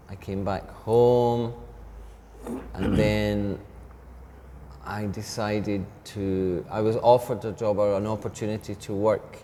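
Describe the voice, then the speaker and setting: A Scottish man in his fifties, a teacher, chatting as an interview guest and speaking slowly and clearly on purpose. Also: fairly low pitch, mellow. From Scotland. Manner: deliberately slowed, clear speech. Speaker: head of an English department, guest. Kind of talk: casual interview chat. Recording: long reverb with faint background noise.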